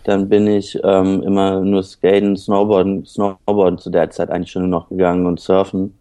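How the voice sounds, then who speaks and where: A man from northern Germany, a guest on a casual podcast, reminiscing in a rambling, halting way. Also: sits low, monotone, dark tone, dry recording.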